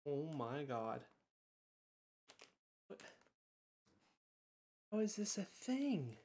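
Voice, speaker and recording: A man filming a casual home vlog, excitable and bursting into loud disbelief. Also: fairly high pitch, very slow, slight background noise. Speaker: video creator.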